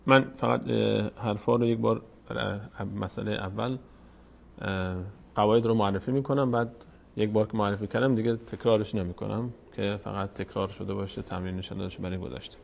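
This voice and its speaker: A man teaching a step-by-step Quran reading lesson, patiently explaining each vowel mark and repeating words slowly. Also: lowish voice, steady tone, vocal fry.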